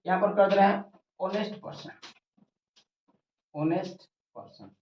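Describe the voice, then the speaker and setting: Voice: mid-range voice, measured pace, slight background noise. A teacher giving a grammar lesson at a board, repeating each point and asking and answering questions. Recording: roomy, dull lo-fi recording.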